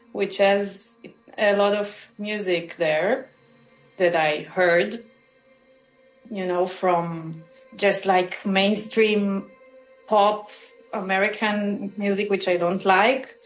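A musician guest from Israel answers interview questions thoughtfully, searching for her words. Her medium-pitched voice is steady and slow, recorded in a roomy space with faint music.

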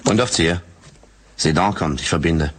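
A man playing a brisk, bossy soldier running a field switchboard in a war radio play, curt and commanding. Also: low-pitched, very noisy, lightly acted. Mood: urgent, curt.

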